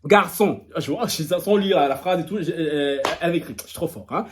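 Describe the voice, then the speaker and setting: Guy with a pretty high voice doing gossip vlog chat, teasing, laughing a lot, mocking posts he reads out. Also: fairly quick, noisy background. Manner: playful, teasing, laughs often; reads social media posts aloud and mocks them. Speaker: celebrity gossip vlogger. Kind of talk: casual gossip commentary.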